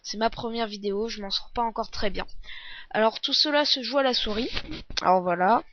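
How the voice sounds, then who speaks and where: A woman with a sore throat giving a casual, halting, apologetic game walkthrough as a beginner presenter. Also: on the high side, fairly bright tone, a little hiss or hum. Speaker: let's play presenter, beginner. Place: indoors, recording at a computer. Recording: dull lo-fi close dry mic.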